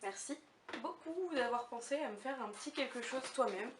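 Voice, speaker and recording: Like a vlogger opening presents, a woman speaks casually to the camera in an expressive, fairly high voice at normal speed, gushing and musing aloud. The audio has a roomy, somewhat distant quality and faint noise.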